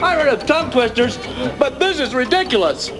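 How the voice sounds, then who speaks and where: Very high wisecracking cowboy. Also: male voice, big pitch swings, a little fast. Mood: wry. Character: wisecracking cowboy sidekick in a serial. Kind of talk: children's comedy serial acting. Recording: music behind.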